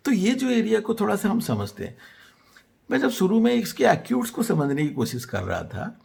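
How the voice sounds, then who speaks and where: Guy teaching a homeopathy case, kinda gravelly, slips english into hindi, lots of uhs. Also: high-pitched, huge pitch swings, moderate pace, a little mellow. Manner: retells the family's account in first person, then analyses it; mixes Hindi with English phrases, frequent fillers. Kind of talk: case lecture.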